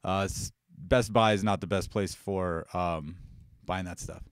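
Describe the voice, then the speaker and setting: A man's voice: low-pitched, fairly even intonation, measured pace, no echo, studio quality. A man hosting a live-stream Q&A, chatting loosely and getting heated and swearing as he rambles. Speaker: host.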